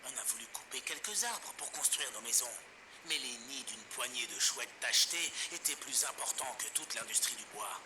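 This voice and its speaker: A self-righteous male survivalist played by a male actor broadcasts a resentful pirate-radio monologue in a video game. His voice sits at a middling pitch, preaching over clearly noisy ambience. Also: expressive, normal speed, natural voice. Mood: righteous resentment. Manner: preachy, grievance-laden broadcasting.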